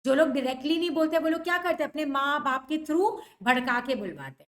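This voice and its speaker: A woman's voice: sits high, expressive, brisk, fairly bright tone. A young woman teacher who reads a novel passage by passage and explains each line in simple words.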